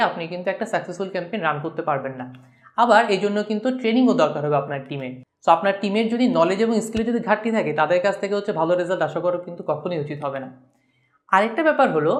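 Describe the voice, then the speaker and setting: A woman with a Bangladeshi accent giving an online lecture, explaining briskly and mixing in English terms. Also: lowish voice. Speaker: course instructor.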